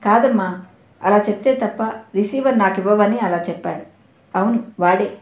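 A woman's voice: mid-range voice, normal speed, close to an everyday voice. A woman voicing a frightened old grandfather. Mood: fearful. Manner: shaky, fearful pleading. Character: frightened elderly man, a rich grandfather. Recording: roomy echo.

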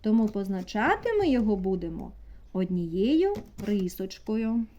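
A woman teaching a preschool class, asking the children slow, sing-song questions. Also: medium pitch, very animated, dark tone. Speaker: kindergarten teacher. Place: kindergarten classroom.

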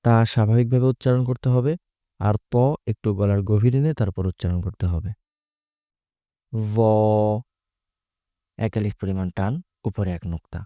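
A man's voice: lowish voice, fast talker, mellow, no echo, clean studio sound. A man teaching Quran recitation, explaining Arabic letters patiently and methodically, repeating each letter's sound.

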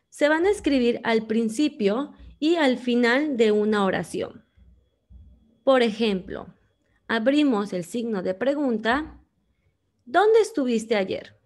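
A woman teaching a simple grammar lesson in a clear, patient way. Her voice sits a little high, and she reads her example sentences with lively emphasis.

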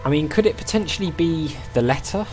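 A man's voice: on the high side, animated, fairly quick, over loud music. A man hosting a let's play, thinking aloud in casual, tentative game commentary. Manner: musing, tentative.

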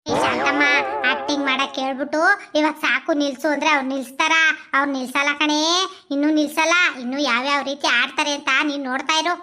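Bright, high, rapid performer as an old village woman, bossy and scolding, Mandya accent. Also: steady tone. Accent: Mandya Kannada.

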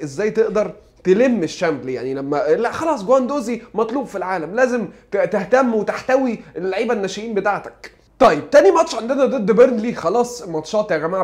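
Egyptian guy yapping super fast over a footy game, high voice, jokey and hyped. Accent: Egyptian Arabic. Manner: excitable, joking, acts out a football manager. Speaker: gaming YouTuber. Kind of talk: playful game commentary.

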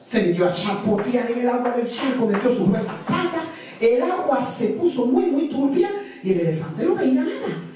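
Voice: mid-range voice, very animated, moderate pace, background noise. A storyteller telling a folk tale live with playful, sing-song repetitions. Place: live event room. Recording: echoey live room from far off.

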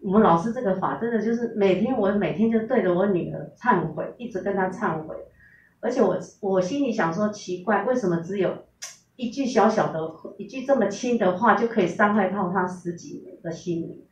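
A woman's voice: mid-range voice, a little fast, darkish tone, a little hiss or hum. Middle-aged woman, sincere testimony, mic set back in a reverberant room. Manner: earnest, recounting with quoted dialogue. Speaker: testimonial speaker. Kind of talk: personal testimony, storytelling. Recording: roomy, distant, dull recording.

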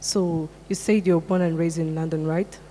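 A woman's voice: low voice, steady tone, moderate pace, dark tone, long reverb tail, a little hiss or hum. A young woman playing a talk show host in a comedic stage sketch, asking upbeat interview questions.

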